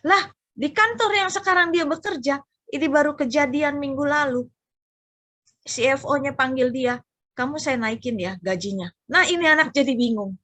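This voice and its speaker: A middle-aged woman preaching a sermon, telling a personal testimony in a lively storytelling way and acting out the voices she quotes. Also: mid-range voice, husky, no echo. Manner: lively storytelling, acts out quoted voices, addresses congregation as "saudara".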